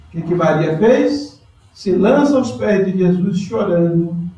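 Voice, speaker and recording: A pastor delivers a lively sermon and calls on members of his congregation by name. His voice is fairly high for a man. He is heard from a distance in a strongly reverberant church hall. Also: unhurried.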